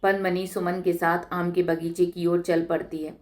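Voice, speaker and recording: A woman narrating her own story with a measured, expressive reading. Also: fairly low pitch.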